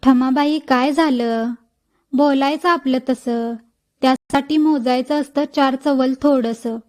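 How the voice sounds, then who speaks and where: A woman's voice: sits high, steady tone, slow, darkish tone. A woman voicing a bossy, talkative old village midwife who speaks in rustic village talk. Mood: coaxing chatter. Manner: rustic village speech, coaxing and scolding.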